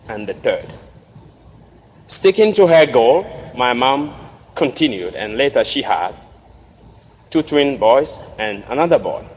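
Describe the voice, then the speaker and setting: A man from Togo with a Togolese accent gives a formal commencement speech with personal storytelling, speaking deliberately in short, separated phrases. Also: mid-range voice. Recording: noisy, reverberant large hall ambience.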